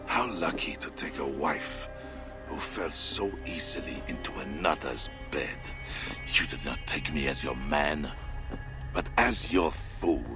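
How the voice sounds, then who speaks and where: A man's voice: rumbling low, unhurried, music in the background. An actor playing a bitter, jealous Frankish king in a video game, pompous and theatrical, with a sardonic edge. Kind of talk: dramatic video game acting.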